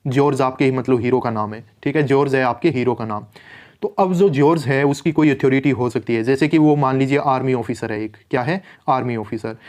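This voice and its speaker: A man coaching exam candidates, talking in a relaxed, conversational way. He drops English terms into his explanations and slows down to read out the rules. His pitch sits in a middle range. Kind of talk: instructional explainer.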